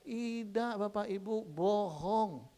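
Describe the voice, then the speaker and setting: A man preaching a lively, humorous sermon, often addressing the congregation and acting out quoted couples. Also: high-pitched, takes it slowly. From Sumatra. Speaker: pastor.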